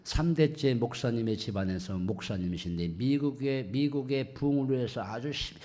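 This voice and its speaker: A middle-aged man preaching a sermon as pastor. He plainly lists his own ailments, and he loudly mimics mocking scoffers before dropping low and soft. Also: moderate pace. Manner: shifts into loud mocking voices of scoffers, then drops low and soft; self-deprecating, talks plainly about his own ailments.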